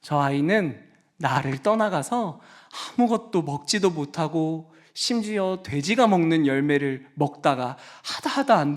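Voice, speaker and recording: A man voicing a loving older father who gently coaxes his hurt son, speaking softly and tenderly in a sermon story. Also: on the high side, natural voice. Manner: soft, coaxing, tender.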